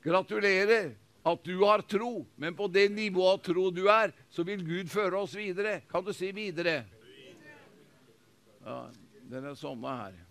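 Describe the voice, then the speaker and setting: Bright-voiced preaching man, high pitch. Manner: fervent preaching with repetition and call-and-response; shifts from loud proclamation to hushed storytelling. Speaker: pastor. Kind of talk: sermon.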